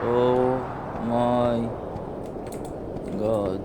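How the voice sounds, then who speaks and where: A young man with an Egyptian Arabic accent giving jokey, excitable let's-play commentary. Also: medium pitch, extremely slow. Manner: excitable, jokey, reacts loudly then drops to mutters. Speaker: gaming YouTuber. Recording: steady background noise.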